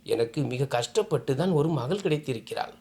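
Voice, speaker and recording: A woman's voice: low voice, expressive, brisk, dark tone. A woman voicing an elderly, tearful mother who pleads lovingly in a storybook tale. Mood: pleading. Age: older. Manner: pleading, emotional.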